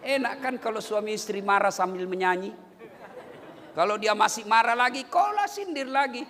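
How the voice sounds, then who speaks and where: A middle-aged male preacher gives a comic sermon to an audience in a large hall. He is animated and bantering, moving from quiet asides to shouted punchlines. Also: high voice, normal speed, a faint crowd. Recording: hall reverb, faint background ambience.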